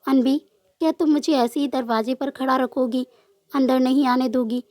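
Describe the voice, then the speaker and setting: A woman voicing a calm young male officer who soothes and gently teases in a storybook love tale. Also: sits high, normal speed, no room sound, close to an everyday voice. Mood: soothing. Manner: soft, reassuring, lightly joking. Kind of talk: storybook narration with voiced dialogue.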